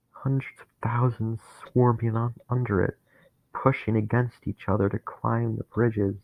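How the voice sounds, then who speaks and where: A man with a lowish, gravelly voice plays a dying young man, terrified and bitter, pleading in a strained way that builds into anguished shouts. The sound is dry and tinny like a phone, with no room sound.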